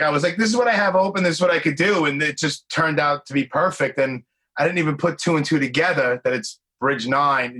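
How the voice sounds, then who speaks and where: A New man in his forties hosts a laid-back podcast chat. His voice is bright and forceful, and he talks in loose, rambling runs full of "like" and restarts. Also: fairly high pitch, slightly rough. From Brooklyn, New York. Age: 40s. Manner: rambling, filler-heavy, enthusiastic. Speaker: podcast host. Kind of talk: casual interview chat.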